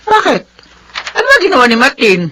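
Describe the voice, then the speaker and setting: An actress playing a fierce, sharp-tongued older mother-in-law in a radio drama. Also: sits high, huge pitch swings, fairly quick, a little hiss or hum, heavily acted. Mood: alarmed. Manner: sharp, scolding.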